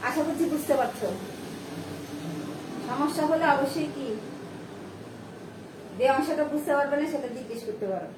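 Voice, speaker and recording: A woman's voice: high voice, moderate pace, pauses often, noisy background. A woman teaching a grammar lesson to students. She repeats each point and asks herself questions as she explains. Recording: echoey room, mic at a distance.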